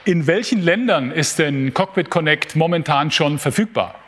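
A middle-aged man hosts a studio interview, leading in politely and asking clear questions. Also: a little high, expressive, moderate pace, fairly bright tone. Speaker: host. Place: television-style studio.

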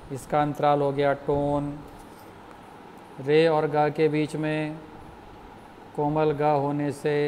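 A man teaching music theory in a slow, patient lecture, explaining step by step and asking the class questions. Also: a little high, darkish tone, slight background noise.

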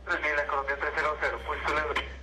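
Pilot guy on the cockpit headset radio, quick clipped readbacks, kinda high voice. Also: little pitch movement, background noise. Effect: cockpit radio over a headset. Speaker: airline pilot.

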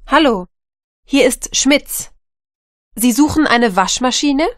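Seller in a course dialogue, high voice, slow, dry studio sound. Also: female voice, animated, no room sound. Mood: persuasive selling. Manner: slow, clear speech. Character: woman selling a washing machine. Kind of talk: scripted textbook dialogue.

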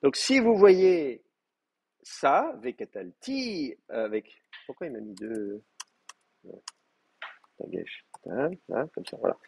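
A man's voice: mid-range voice, huge pitch swings, slow pace, vocal fry, pauses often, darkish tone, slightly rough. A man giving a live university classroom lecture, explaining with hesitant, stop-start delivery and frequent restarts. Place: classroom with in-person and remote students.

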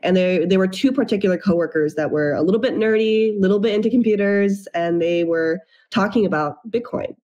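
A woman's voice: on the low side, warm tone. Upbeat woman founder on a video call. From Japan and the United States. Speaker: startup founder, guest. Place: indoor room at home. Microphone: video call webcam.

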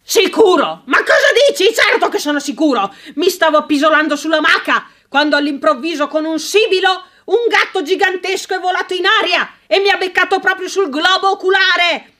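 A woman voicing an irate elderly English country gentleman who shouts and blusters in outrage, in an audiobook. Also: high voice, brisk, hardly any pauses. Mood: furious. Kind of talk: audiobook character voice.

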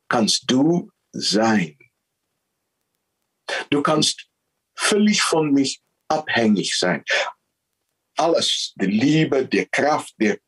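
A man's voice: medium pitch, a bit bright, slightly rough, full character voice, rough recording. A man voicing God the Father as a mighty, loving, generous figure who speaks with emphasis and repeats his words.

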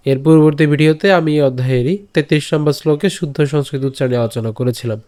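A man with a slightly high voice teaches how to recite old verses. He breaks each word into syllables and says them again and again, slowly and patiently. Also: steady tone, darkish tone. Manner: spells out syllables slowly and repeats each one. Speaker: scripture teacher. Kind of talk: slow recitation lesson.

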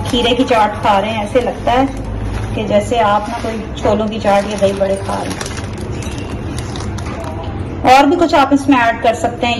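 A young woman, chatting casually through a recipe vlog with lots of fillers, recorded on a camera mic a few feet away at home. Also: on the high side. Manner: chatty, gestures a lot while talking, many fillers. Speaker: cooking vlogger. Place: home kitchen and dining table, indoors. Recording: echoey kitchen with noise.

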